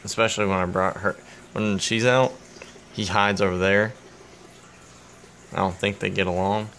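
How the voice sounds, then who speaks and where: A man's voice: fairly low pitch, steady tone, normal speed, a bit bright. A young man casually vlogging about his pet reptiles at home, rambling and joking and talking to the animals, filmed on his phone. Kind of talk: casual vlog. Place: home, indoors. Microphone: phone camera. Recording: phone recording with faint background noise.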